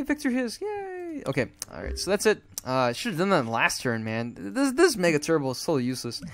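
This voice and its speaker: A man's voice: medium pitch, clean tone, no echo. A young man commenting on his own card game match, rambling with many fillers and flaring into exasperated outbursts. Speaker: gameplay commentator. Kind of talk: casual gameplay commentary.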